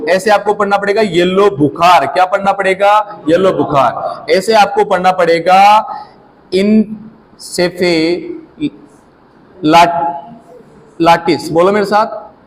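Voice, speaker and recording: Quizzing his competition exam class, a man keeps calling out prompts so students answer and repeat key terms in this classroom lecture. He has a high voice with lively intonation and a moderate pace, and the rough recording carries some hiss or hum.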